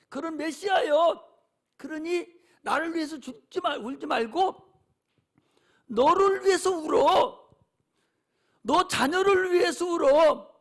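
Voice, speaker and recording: A male pastor voicing Jesus as an adult man, stern and pleading, solemn at first and then forcefully warning. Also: very high voice.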